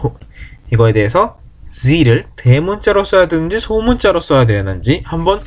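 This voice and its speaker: Lively male language teacher. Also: a little high. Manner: explains briskly, then drills German words slowly and clearly; asks the listeners questions. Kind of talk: online language lesson.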